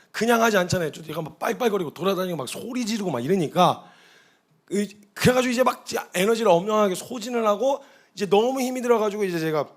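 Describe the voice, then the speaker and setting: Earnest high-voiced man preaching a testimony. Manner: earnest, confessional storytelling. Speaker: missionary preacher. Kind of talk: conversational testimony sermon. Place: church hall.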